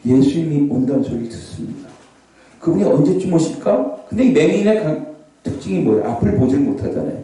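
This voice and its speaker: A pastor delivers a revival sermon in a warm, mellow voice that sits on the high side and moves through a lively range, now and then shouting out scripture cries. He's heard from far off across a large prayer hall full of echo.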